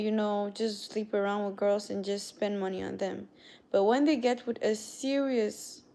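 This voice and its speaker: Hosting a relaxed livestream, a young woman with a non-native English accent chats with viewers and greets them by name. Her voice is a little high, creaky and dark in tone.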